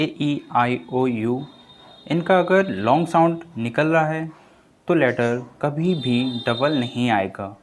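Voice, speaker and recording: A young man explains pronunciation in an unhurried, deliberate way. His pitch sits in a plain middle range, and he goes over each point again and again so learners can follow. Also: a little hiss or hum. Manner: patient, repeats each rule several times. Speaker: English pronunciation teacher. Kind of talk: slow explanatory lesson.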